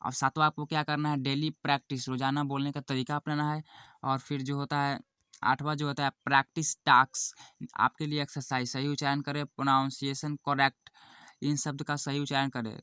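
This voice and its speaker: A man's voice: medium pitch, level tone, fairly quick, bright, forceful tone, clean tone, no echo, studio quality. A man teaching a beginner's English lesson, repeating each point and checking in with "okay" as he goes. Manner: repeats points, keeps saying "look" and "okay". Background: music.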